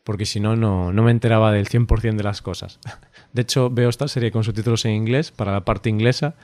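Low-voiced Spanish man chatting casually. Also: a little fast, no echo. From Spain. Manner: relaxed, chatty, laughs often, hesitant fillers. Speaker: podcast co-host. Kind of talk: casual conversation.

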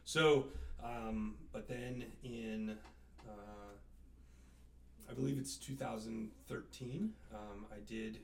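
A man originally from Chile, a professor speaking as an interview guest, hesitant and filling his pauses with ums and uhs. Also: mid-range voice, steady tone. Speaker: professor of athletic training. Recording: echoey room from a distance.

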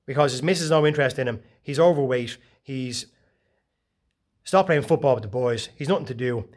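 A man, giving a casual, profane motivational talk full of animated storytelling. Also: medium pitch, brisk. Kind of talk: casual monologue.

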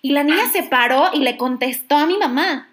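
High-voiced Mexican woman chatting. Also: normal speed, a bit bright. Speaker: podcast co-host. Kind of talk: casual chat.

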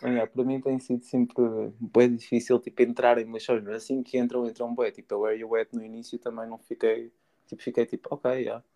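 A man's voice: mid-range voice, flat delivery, a little fast, mellow. A young man chatting casually in an enthusiastic, slangy way. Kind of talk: casual chat.

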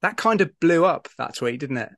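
A man's voice: on the high side, expressive, normal speed, vocal fry, fairly bright tone, no room sound, studio quality. A man hosting a podcast, introducing and questioning his guest in a conversational interview style. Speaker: podcast host.

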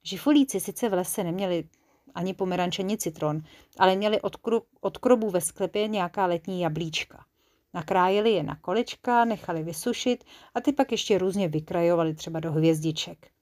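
A woman narrating a children's bedtime story in a calm, clear storytelling manner. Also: lowish voice, no echo, studio quality.

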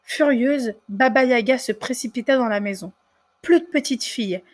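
A woman with a fairly high voice reading a fairy tale aloud. Her storytelling is measured and expressive.

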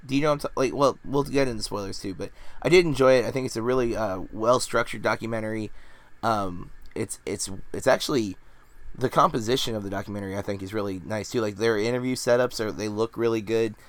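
A man in his forties with a somewhat low voice chats casually about a film. He rambles, hedges and fills pauses with "um" and "like" as a podcast host. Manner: rambling, hedging, many fillers. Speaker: podcast host reviewing films.

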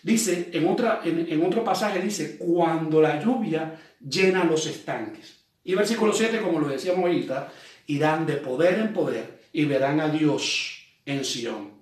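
A man preaching a sermon, reading scripture slowly and explaining it conversationally, often checking in with rhetorical questions. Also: a little high. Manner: reads scripture aloud slowly, then explains it. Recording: very echoey room, voice from a distance.

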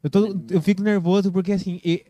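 Man, podcast host, high voice, dry sound, excitable chatter. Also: a little fast, dry recording. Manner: excitable, reacts loudly, nervous chatter. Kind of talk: casual chat.

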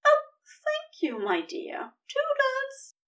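A woman's voice: extremely high pitch, wildly swooping pitch, slow pace, a bit bright, far from the mic, voice pushed up, exaggerated voice. A woman voicing a fussy, doting male angel who speaks in prim, chirpy endearments.

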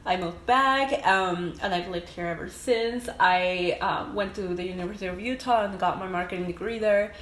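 A woman's voice: mid-range voice, moderate pace, few pauses. A young adult woman from Mexico, a podcast guest talking casually and thoughtfully with many ums. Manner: relaxed, frequent ums, thoughtful. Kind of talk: casual interview chat. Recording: echoey room, faint noise.

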